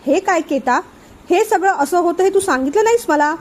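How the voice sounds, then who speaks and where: A woman reading a sharp-tongued, indignant young wife. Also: very high-pitched, animated, moderate pace, pitched above the performer's own voice. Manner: sharp, cutting.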